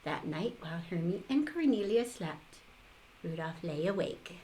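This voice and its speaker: Sweet older woman, slow and lively. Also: lowish voice, a little hiss or hum. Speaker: grandmother reading to children. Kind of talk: expressive storybook read-aloud.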